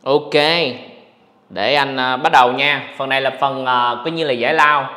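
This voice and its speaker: A man hosting a casual livestream podcast, talking in an animated, ranting way to his viewers. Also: medium pitch, moderate pace. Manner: animated, ranting, mocks others in put-on voices. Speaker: podcast host. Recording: echoey room with long reverb.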